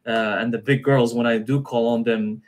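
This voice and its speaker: Speaking at a normal speed with a medium pitch, this man is a guest practitioner in a relaxed live-stream conversation. He laughs a lot and keeps repeating what he says.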